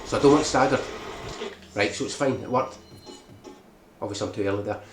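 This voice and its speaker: A speedrun guide maker narrates a game tutorial, explaining a speedrun strategy and often checking in with "right?". His voice is fairly low and brisk, heard over music in an echoey room with background noise.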